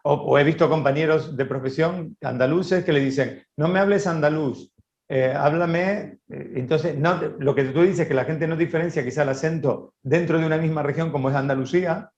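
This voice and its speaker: A man's voice: fairly high pitch, steady tone, fairly quick, hardly any pauses, darkish tone. A man from Argentina with an Argentine accent, hosting an interview and reflecting on his own experience. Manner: reflective, speaks from personal experience. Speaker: interviewer, actor. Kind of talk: conversational interview. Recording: roomy, dull audio.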